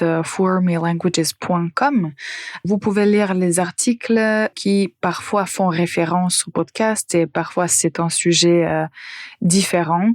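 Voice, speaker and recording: Woman podcast teacher, low-ish voice, very slow and deliberate delivery, dry close recording. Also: darkish tone, no room sound. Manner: repeats example sentences slowly for learners. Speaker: language teacher and podcast host. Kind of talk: slow, careful French lesson podcast.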